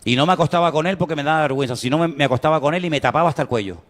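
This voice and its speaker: A male pastor preaches in a church, his voice sitting high for a man. He tells personal stories with lively energy, acting out cries and dialogue, and long reverb trails his words through the hall. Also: very fast.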